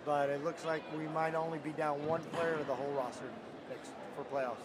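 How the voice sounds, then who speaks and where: A middle-aged coach speaks plainly and upbeat in a slightly high voice from an arena floor. Clear arena noise runs behind him. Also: male voice, level tone, fairly quick. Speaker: head coach. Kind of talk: postgame interview. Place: indoor soccer arena floor.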